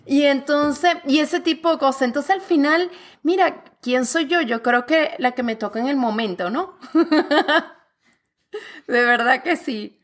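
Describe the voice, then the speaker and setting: Venezuelan woman chatting as a guest, high voice, lively and expressive. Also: moderate pace. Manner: lively, expressive, talks with her hands. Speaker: guest author. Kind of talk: casual conversation. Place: lives in Canada.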